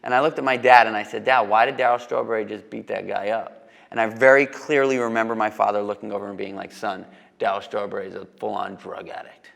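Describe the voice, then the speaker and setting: A man from New York City hosting a podcast, telling stories excitedly and swearing a lot. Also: fairly low pitch, fast, gravelly. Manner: excited storytelling, heavy swearing. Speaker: podcast host. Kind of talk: casual podcast chat. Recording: long reverb.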